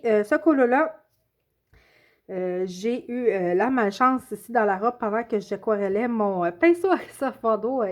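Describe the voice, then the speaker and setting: Québécoise woman host, casual show-and-tell, slightly high voice, halting with frequent fillers. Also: darkish tone. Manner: hesitant, many filler sounds and self-corrections. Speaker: coloring channel host. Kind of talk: casual show-and-tell of finished coloring pages.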